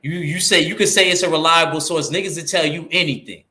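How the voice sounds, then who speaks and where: A man's voice: on the high side, fast, echoey room. A man with a New York accent, co-hosting a casual boxing talk show and making his point emphatically, repeating lines for effect. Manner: animated, emphatic, repeats himself. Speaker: podcast co-host.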